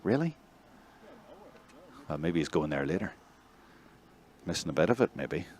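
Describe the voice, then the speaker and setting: A man with a Northern Irish accent giving live play-by-play commentary, chatty between plays and excitable when a score comes. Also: deep voice, a little slow. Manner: conversational, excitable on big plays. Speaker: match commentator.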